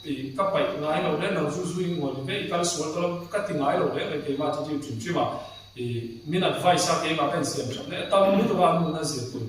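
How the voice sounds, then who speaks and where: A man's voice: on the high side, quick pace. Guy doctor giving a talk, explaining stuff, far from the mic, faint hum behind. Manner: explanatory, mixes in English terms. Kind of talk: lecture to a youth group. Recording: echoey hall, mic far off.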